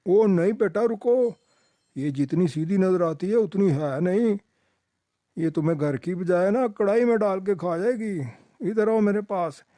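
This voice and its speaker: Man voicing a protective cartoon donkey, loud and scolding, high pitched, dry sound. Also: measured pace, no echo. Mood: warning. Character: stern protective male donkey. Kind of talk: cartoon voice acting.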